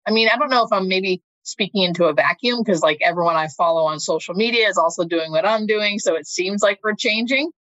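A woman's voice: medium pitch, fairly bright tone, dry recording, muffled recording. A woman speaking as an interview guest, a hospice nurse talking casually and thinking aloud as she checks for agreement.

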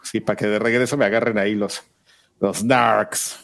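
A man's voice: on the low side, steady tone, normal speed, creaky, fairly bright tone. A man with a Mexican accent hosting a casual chat, speaking colloquially and a little hesitantly as he meanders through his thoughts. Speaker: host.

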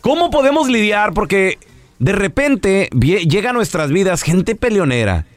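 A man's voice: high voice, sing-song, normal speed, no echo, faint music behind. A man hosting a radio show, chatting casually and putting questions to the guest with playful rises in his voice. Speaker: radio host.

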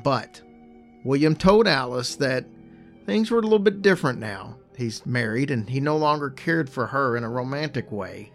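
A man's voice: mid-range voice, animated, moderate pace, a bit bright, soft background music. A man co-hosting a podcast, casually telling a ghost story with chatty, joking asides. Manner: chatty, laid-back, jokey asides.

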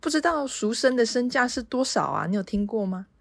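A mysterious scholar who works a little magic speaks calmly and knowingly, voiced by a woman with a Taiwanese Mandarin accent. He is relaxed and unhurried. The recording is dry and close. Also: a little high, creaky, no room sound, voice pushed up, exaggerated voice. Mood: curious. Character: mysterious male scholar who casts spells.

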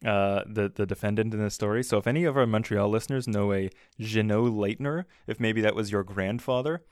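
A man's voice: fairly low pitch, fairly quick, no room sound. A man co-hosting a podcast, chatting casually with a dry, wry manner and reading old archive clips aloud. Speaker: podcast co-host.

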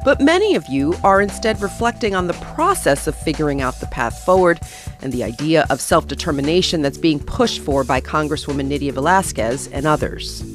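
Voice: mid-range voice, lively intonation, a little fast. A radio host reads scripted broadcast narration in a mid-range voice. Faint music sits underneath.

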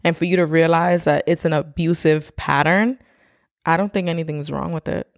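Woman, slightly low pitch, podcast co-host, animated casual chat, dry close sound. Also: moderate pace, no room sound. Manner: animated, opinionated, laughs often.

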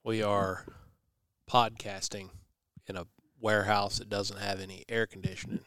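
A man's voice: fairly low pitch, flat delivery, moderate pace, fairly bright tone, smooth, no room sound. A man hosting a podcast in a casual, conversational style, talking in a folksy, rambling way. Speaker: podcast host. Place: warehouse.

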